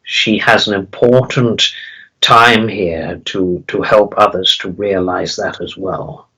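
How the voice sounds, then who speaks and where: A man speaking as a calm spirit guide in a seance medium's channeling session, teaching solemnly in halting, repeated phrases. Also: low-pitched, breathy edge, exaggerated voice, poor audio. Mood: solemn, instructive. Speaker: trance channeler answering questions as a spirit guide.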